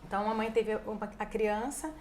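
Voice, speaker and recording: A woman with a Brazilian Portuguese accent, a speech therapist guest, explaining in a lively, chatty way and often tagging her sentences with a quick question. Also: medium pitch, slight background noise. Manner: lively, acts out parents' voices, frequent "né". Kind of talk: casual explanatory conversation.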